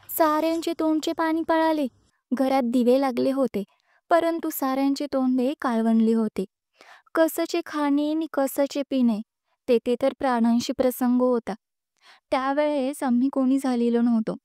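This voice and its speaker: A woman storyteller reading a story aloud in an expressive, measured way. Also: high-pitched, clear, resonant tone, no room sound, clean studio sound. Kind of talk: storytelling narration.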